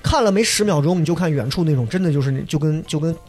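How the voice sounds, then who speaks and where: A man telling a dramatic story in casual chat, acting out shouts and sounds. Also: on the high side, animated, fast talker, soft background music. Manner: acts out shouts and quoted voices, imitates sounds. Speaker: storyteller guest.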